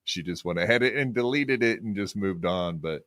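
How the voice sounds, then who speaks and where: A man's voice: on the low side, animated, moderate pace, a bit bright, no room sound, clean studio sound. A man hosting a podcast, asking questions in a laid-back, casual way. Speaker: podcast host.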